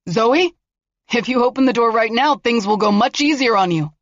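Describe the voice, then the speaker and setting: Performing a horror story, a woman takes on a deranged male killer jeering through a locked door: he starts out sing-song and mocking, then drops into whispered threats with a taunting mood. Her voice for him is a little high and expressive, pitched above her own yet natural, at a moderate pace. The recording is lo-fi and dull, with no room sound.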